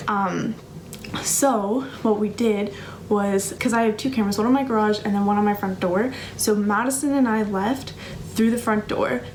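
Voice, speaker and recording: A young woman rattles through a story with excitable, swear-peppered energy. Her voice sits at a middle pitch, and a faint hiss runs underneath. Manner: fast, breathless, swearing storytelling. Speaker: vlogger. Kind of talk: casual storytime.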